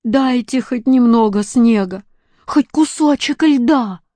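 A woman's voice: high voice, little pitch movement, mellow, no room sound, voice pushed up. A woman voicing a little boy from the far north, melting in the heat and speaking tearfully in a storybook. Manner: tearful, drawn-out.

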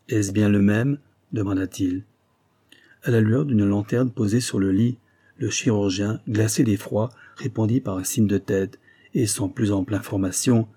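Male audiobook narrator, measured reading, low pitch, dark mellow tone. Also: breathy edge.

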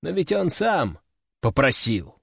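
A man narrating a fantasy audiobook with an expressive, animated reading. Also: a little high, slow pace, vocal fry, husky, dry recording, clean studio sound.

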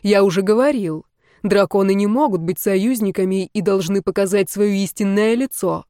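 A smug young emperor, read by a woman narrator in a storybook audiobook. He speaks in a calm, measured way, with a level mid-pitched voice. The recording is dry and close. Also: no echo, lightly acted. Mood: cold assured.

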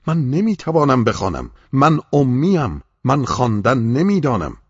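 A man acting out a terrified man pleading to be let go, with his voice lifted high and strained in panic. The voice stays husky, and the recording is close, dry and muffled. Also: big pitch swings, no echo. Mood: frightened. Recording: dull, slightly muffled audiobook recording.

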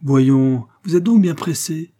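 A man's voice: mid-range voice, animated, moderate pace, mellow, breathy edge, pitched above the performer's own voice. A man doing a jovial middle-aged banker. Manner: hearty, good-natured.

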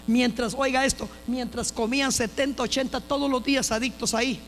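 A woman's voice: high voice, fairly even intonation, fairly quick. A woman pastor giving a personal testimony in a church, telling her story emphatically with repeated phrases and restarts. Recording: long hall reverb with faint mains hum.

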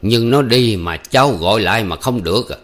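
A man playing a calm, shrewd old man. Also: fairly low pitch. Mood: probing. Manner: slow, probing, deliberate.

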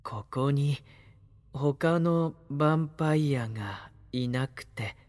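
A man playing a gentle, timid young vampire in an intimate audio drama, speaking softly and hesitantly with breathy murmurs. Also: medium pitch, takes it slowly, close to an everyday voice. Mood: tender, worried.

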